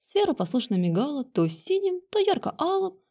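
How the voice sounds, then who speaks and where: Female audiobook narrator, expressive fantasy reading, warm mellow tone. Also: high voice, normal speed.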